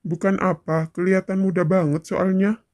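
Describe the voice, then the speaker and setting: Brief: man playing a cocky cartoon doctor, needling and overly familiar, mellow voice, dry close sound. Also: high voice, level tone, moderate pace, no echo, close to an everyday voice. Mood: teasing. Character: cocky young male doctor, pushy and teasing. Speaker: doctor character. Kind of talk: amateur cartoon voice acting.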